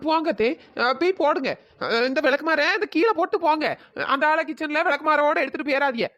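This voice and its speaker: A woman's voice: high-pitched, fast, a bit bright, no room sound. A woman voicing a bossy, mocking young wife in a cartoon. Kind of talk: cartoon voice acting.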